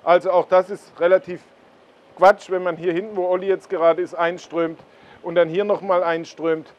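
A man's voice: high-pitched, level tone, normal speed, highs cut off. A man hosts a koi blog, explaining things casually at a pond and pointing them out to the viewer.

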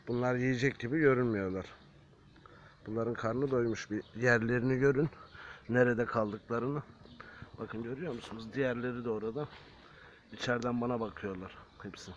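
A man filming himself outside, chatting casually to his viewers while he coaxes stray animals closer with soft, repeated calls. His voice sits at an ordinary middle pitch. Faint outdoor noise with birds and animals runs underneath. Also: muffled recording. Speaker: vlogger feeding stray animals. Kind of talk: casual vlog talk to viewers. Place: outdoors by a building. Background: faint outdoor ambience with animals and birds.

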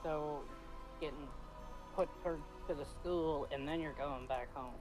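A woman's voice: low voice, measured pace, music in the background. A woman playing in a tabletop game, chatty and persuasive, often trailing off mid-thought. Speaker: player. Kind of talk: casual tabletop game chat.

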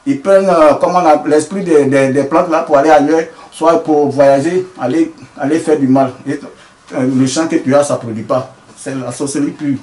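A man explains his work as a traditional healer, his voice sitting a little high. He talks earnestly and often breaks off to restart his sentences. The recording carries a clear echo from the room. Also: steady tone, moderate pace, darkish tone. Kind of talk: interview answers.

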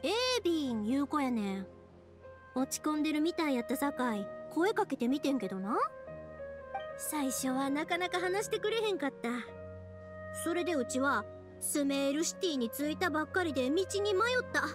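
Music plays in the background as a woman performs a young fireworks maker for a video game, cheerful and chatty in a Kansai accent. She sits high in pitch with a sing-song lilt at a moderate pace, sounding animated, expressive and thoughtful.

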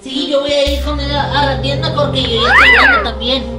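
Little boy elephant, played by a man, high voice, silly childish grumbler, Mexican accent, loud music bed. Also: huge pitch swings, brisk, heavily acted. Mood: eager. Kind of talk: children's costumed-character skit.

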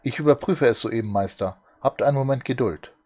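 A man voicing a tiny, loyal male alien servant in a hushed, deferential way, in a story reading. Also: mid-range voice, fairly quick, close to an everyday voice. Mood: meek deferential.

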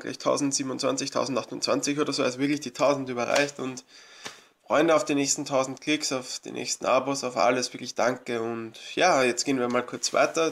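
A man's voice: mid-range voice, creaky, fairly bright tone. A man casually commenting on his own gameplay as a let's play host, chatty and rambling with many fillers, eager and grateful toward his viewers.

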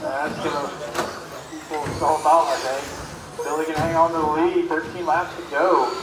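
A man announcing a remote-control car race, calling laps, gaps and positions in brisk play-by-play. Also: on the high side, level tone, noisy background. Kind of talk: live race commentary. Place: indoor RC raceway. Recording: echoey indoor track with loud cars.

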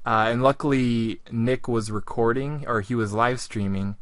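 A man's voice: mid-range voice, steady tone, normal speed, dry recording. A man giving a casual voice-over introduction as the host of a gaming video, close on the mic. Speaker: host introducing a gameplay clip. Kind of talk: casual vlog-style voice-over.

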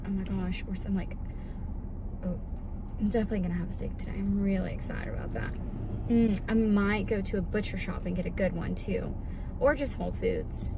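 A woman's voice: medium pitch, vocal fry, background noise. A young woman with a Southern US accent, telling stories to the camera in a chatty, casual way, first from her car and then in her kitchen. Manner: chatty storytelling, lots of "like" and "girl". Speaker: vlogger.

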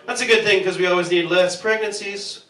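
A stand-up comedian in his thirties does a rambling, profane, self-deprecating set in a small pub basement, holding a handheld mic. His voice sits high and steady, a little fast. Filmed from the room, the sound is roomy and distant, with heavy background noise.

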